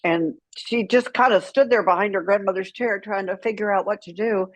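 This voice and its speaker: A middle-aged woman, appearing as an interview guest, tells candid stories in a frank, wry, conversational way, acting out remembered dialogue. Her mid-range voice moves at a normal speed, and the dry recording has poor audio.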